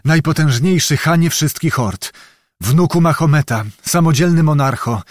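A man's voice: fairly high pitch, lively intonation, normal speed, no room sound, clean studio sound, natural voice. A man voicing a wounded messenger who makes a solemn, flowery address.

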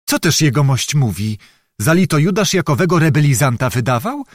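A man's voice: a little high, big pitch swings, fairly quick, no room sound, clean studio sound. A man voicing a shrewd, phlegmatic young male servant who tells his story in a sly, matter-of-fact way. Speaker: storyteller within the tale.

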